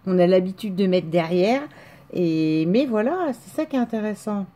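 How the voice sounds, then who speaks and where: A woman's voice: mid-range voice, lively intonation, moderate pace, dark tone. A woman in a casual chat, opening mail on camera, gushing and exclaiming as she goes, with lots of fillers.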